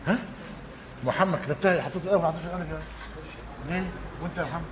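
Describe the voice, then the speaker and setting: A man's voice: fairly high pitch, very fast, dull audio. A man with an Egyptian accent teaching a class, repeating his points and quizzing his students. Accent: Egyptian Arabic. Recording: roomy reverberant hall, faint noise.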